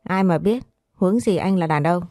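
A woman voicing a calm, defiant young woman who answers with curt retorts. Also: on the low side, normal speed, no room sound, clean studio sound, natural voice. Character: cool-headed young woman, sharp-tongued and defiant.

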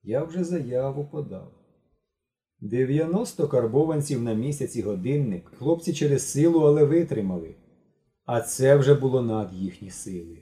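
Man, audiobook narration, expressive storytelling, very dark tone, lively intonation. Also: mid-range voice, normal speed. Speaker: audiobook reader. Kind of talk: scripted narration.

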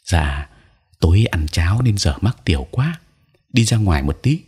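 A man voicing a young countryside wife who speaks in quick exclamations. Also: deep voice, sing-song, a little mellow, husky, full character voice. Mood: plain. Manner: breathless, exclaiming.

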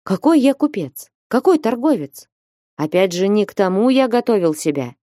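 A woman's voice: medium pitch, big pitch swings, normal speed, dark tone, dry recording, studio quality, natural voice. A woman voicing a meek, timid young man who sighs and refuses in an audiobook. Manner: timid, sighing. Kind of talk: audiobook reading.

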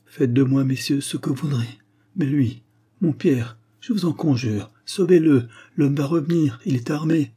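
A man's voice: medium pitch, moderate pace, mellow, husky, natural voice. A man reading a spy novel aloud and voicing a distraught young wife who pleads in anguish for her husband, with a raised, strained tone. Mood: pleading. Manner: anguished, imploring.

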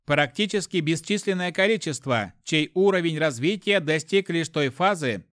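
Cold calm ship computer voiced by a man, flat emotionless announcing, raised pitch, dry close recording. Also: normal speed, no room sound. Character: cold, detached onboard ship computer, genderless machine. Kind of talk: audiobook reading.

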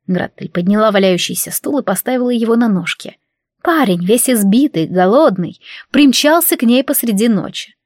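A woman narrates a romance in first person with an emotive, measured delivery. Her voice sits fairly high. The recording is dry and close-miked, with no room around it. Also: lively intonation, darkish tone, no echo. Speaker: audiobook narrator.

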